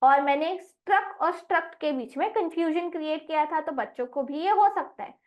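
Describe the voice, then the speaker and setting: A woman teacher giving an online lesson, saying each word slowly and spelling it out letter by letter. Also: high-pitched. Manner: slow, deliberate, spells words out letter by letter. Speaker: English teacher.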